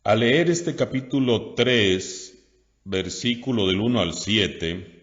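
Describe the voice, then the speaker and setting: A Costa Rican priest reading scripture aloud in a slow, measured way, then preaching a homily. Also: male voice, on the low side, fairly bright tone. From Costa Rica. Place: parish church. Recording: dull lo-fi audio with long church reverb.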